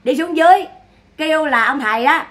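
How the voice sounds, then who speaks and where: A woman's voice: sits high, brisk, fairly bright tone. A woman giving mocking, scolding gossip commentary. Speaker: online commentator.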